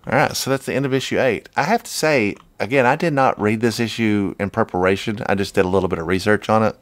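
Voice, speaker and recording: A man co-hosting a casual comic-book podcast, relaxed and laughing often as he reads panel dialogue aloud. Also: on the low side, fast, no echo. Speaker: podcast co-host.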